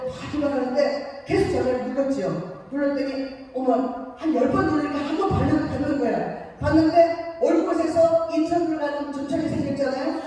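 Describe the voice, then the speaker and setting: A woman pastor preaching a sermon at a church revival meeting, telling a personal story lively and acting out each person's words. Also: high-pitched, moderate pace. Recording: echoey church hall, mic far off.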